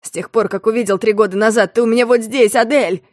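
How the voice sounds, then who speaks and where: Woman reading a drunk desperate young guy, low broken confessing, dry close sound. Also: steady tone, fast talker, dry recording, close to an everyday voice.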